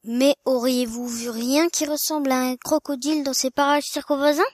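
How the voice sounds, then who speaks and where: A woman's voice: high voice, fairly even intonation, moderate pace, no echo, close to an everyday voice. A woman voicing a very polite, earnest and curious young elephant child in a storybook reading.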